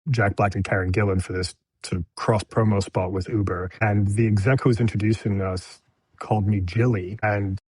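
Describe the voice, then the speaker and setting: A man being interviewed on a podcast as a film director guest, telling stories in a candid, animated way. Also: on the low side, moderate pace, husky, dry recording. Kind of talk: casual interview chat.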